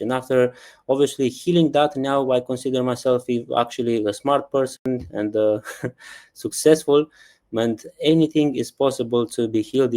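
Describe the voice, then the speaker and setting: A Romanian man in his thirties hosts a webinar in English, his second language. His pitch sits in the middle for a man, and his delivery is earnest and repetitive, with "yeah" tucked between his points. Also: darkish tone. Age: 30s. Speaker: webinar host and self-help coach. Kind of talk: presenting a webinar. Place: Bali.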